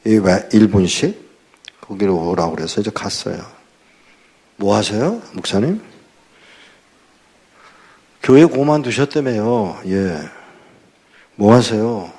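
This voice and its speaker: Older husky pastor telling a story. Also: male voice, lowish voice, takes it slowly, pauses often. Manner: animated storytelling, acting out dialogue. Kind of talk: testimony sermon.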